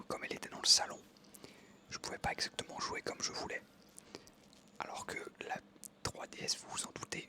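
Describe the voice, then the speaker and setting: A young adult ASMR creator tells a story in a soft, unvoiced whisper that wanders along with lots of fillers.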